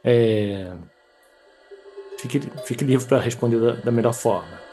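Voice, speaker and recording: A man's voice: mid-range voice, measured pace, warm tone, soft background music. A man co-hosting an interview over a video call, reading a guest's bio and then asking questions, hesitant and full of fillers. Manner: hesitant, with many fillers and restarts. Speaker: co-host.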